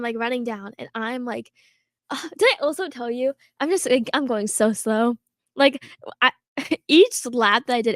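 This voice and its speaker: Chatty high-voiced teen girl. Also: no echo, clean studio sound. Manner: chatty, full of "like" fillers, laughs often. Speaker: podcast co-host. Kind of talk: casual storytelling chat.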